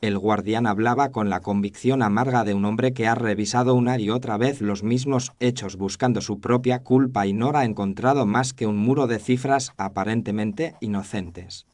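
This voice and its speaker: A man's voice: lowish voice, steady tone, moderate pace, few pauses, a little mellow, natural voice. A man narrating a scripted mystery story as an observant Victorian doctor, formal and descriptive. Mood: reflective.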